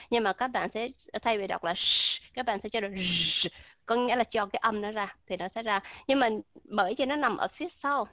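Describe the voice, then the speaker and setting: A woman's voice: a little high, fairly bright tone, dry recording, highs cut off. A woman teaching English pronunciation in an online lesson, explaining patiently with many fillers and checking that her students understand. Her first language is Vietnamese.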